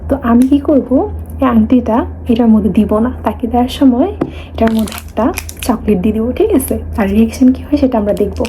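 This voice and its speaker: A Bangladeshi woman vlogs to camera from her home in Singapore, chatty and frequently asking viewers "okay?", going hushed when she sneaks around. She talks fast in a fairly high voice, and the poor audio carries a little hiss or hum.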